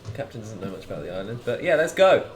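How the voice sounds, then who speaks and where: A man's voice: lowish voice, sing-song, fast, faint music behind. A man chatting casually and inquisitively as a player in a tabletop game. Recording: echoey room with background voices.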